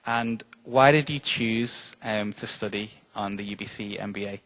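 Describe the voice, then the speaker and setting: A man's voice: on the low side, moderate pace, fairly bright tone, poor audio. A man moderating an alumni panel, hesitant, with many fillers and restarts. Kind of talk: hosting a panel. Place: event hall.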